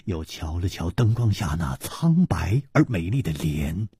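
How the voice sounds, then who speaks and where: A man's voice: sits low, sing-song, unhurried, mellow, breathy edge, no room sound, clean studio sound. A man narrating a martial arts novel in dramatic storytelling style, voicing every figure himself.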